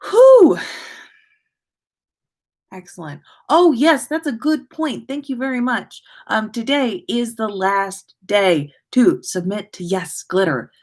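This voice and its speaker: Speaking slowly in an animated, darkish voice on the high side, a tired American woman hosts a podcast livestream from her room. Her chatter is informal and wandering, lightened by playful sing-song asides.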